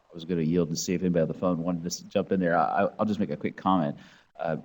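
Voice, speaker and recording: A man's voice: deep voice, fairly even intonation, very fast, muffled recording. A man on a board committee giving earnest remarks in a formal meeting, repeating words as he starts his points.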